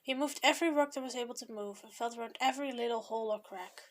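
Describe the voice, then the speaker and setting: A woman's voice: fairly high pitch, quick pace. A woman reading a fan fiction story aloud, stumbling and restarting now and then. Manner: reads with occasional stumbles and restarts. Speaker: fanfiction reader.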